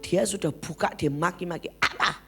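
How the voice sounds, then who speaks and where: Soft music sits beneath a woman preacher whose voice is fairly low, creaky, and a little slow. She fills her sermon with personal stories, repeatedly speaks to listeners as "saudara," brothers and sisters, and acts out the people she quotes like a lively storyteller.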